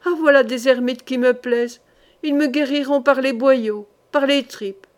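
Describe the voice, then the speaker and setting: A woman voicing a jovial old king who exclaims loudly in delight, in an audiobook reading. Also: fairly high pitch, moderate pace, natural voice.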